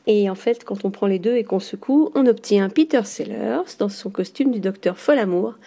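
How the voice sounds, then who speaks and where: A woman leaving a voice message with a clear, orderly answer to a quiz. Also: mid-range voice, normal speed, mellow. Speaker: listener caller.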